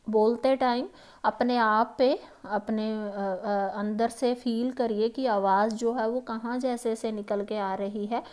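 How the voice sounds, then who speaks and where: A woman with a Himachali Hindi accent teaches exam grammar in a patient, unhurried way, often pausing and checking that the listener is following. Her voice sits a little high, and she takes her time over each point. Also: darkish tone. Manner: patient, repeats "ठीक है" and "है ना", many hesitations. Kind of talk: explaining Hindi grammar questions.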